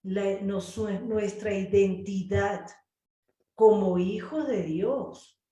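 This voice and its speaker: A woman's voice: medium pitch, takes it slowly, echoey room, far from the mic. A woman leading a group Bible study, speaking animatedly and acting out prayers and quotes. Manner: animated, acts out prayers and quotes in changing voices.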